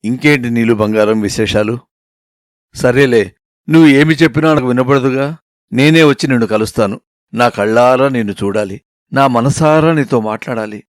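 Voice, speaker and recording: A man voicing a young male admirer reading out a doting love letter, soft and lingering. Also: medium pitch, normal speed, no room sound, clean studio sound, voice pushed down, natural voice.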